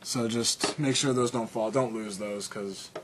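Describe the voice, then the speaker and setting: Over a noisy background, a video tutorial maker with a fairly low, steady voice talks at a measured pace through a casual hands-on demo. He rambles, restarts and uses fillers, with an occasional cough.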